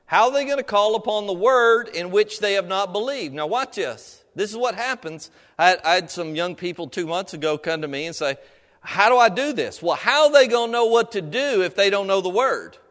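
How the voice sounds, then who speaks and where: Folksy phrasing and frequent amens mark this middle-aged preacher's exhortation as he asks his congregation questions from the front of a large room. His high-pitched voice is animated and a bit bright, moving at a moderate pace through a hall with a long echo.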